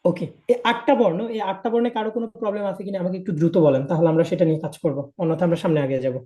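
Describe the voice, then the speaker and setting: A man's voice: high-pitched, steady tone, rapid-fire, dark tone. A man teaching a live online language class, patiently repeating each point and checking that students follow. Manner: patient, drills by repetition and checks understanding.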